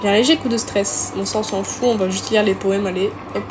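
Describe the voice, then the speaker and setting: A woman's voice: medium pitch, fairly even intonation, a little fast. A woman streamer reading a visual novel aloud with casual, joking asides, with game music behind her. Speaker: let's play streamer. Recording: music playing underneath.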